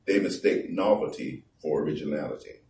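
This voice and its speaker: A man preaching a conversational sermon, reading scripture slowly and with emphasis. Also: low-pitched, mellow, slight background noise. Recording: echoey room from far off.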